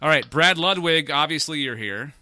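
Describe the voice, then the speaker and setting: A man's voice: fairly high pitch, lively intonation, moderate pace, sharp tone, no echo. A man hosting a casual chat show, joking around with his co-hosts. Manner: jokey, puts on a mock old-fashioned accent at the start. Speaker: podcast host.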